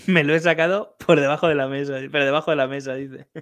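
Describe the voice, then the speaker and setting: A man, co-hosting a relaxed livestream, playful and quick to laugh as he reads out suggestions. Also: fairly high pitch, dry recording. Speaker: podcast co-host. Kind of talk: casual chat on a livestream.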